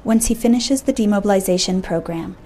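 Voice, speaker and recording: Female radio reporter, steady scripted narration, mellow tone. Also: medium pitch, a little fast.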